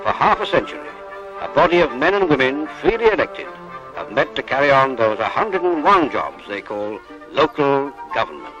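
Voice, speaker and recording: A man's voice: medium pitch, big pitch swings, normal speed, fairly bright tone, dull audio. A man narrating in the chatty style of a 1950s public information film, folksy and putting questions to the listener. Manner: folksy, rhetorical questions to the viewer. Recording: archive film soundtrack under music.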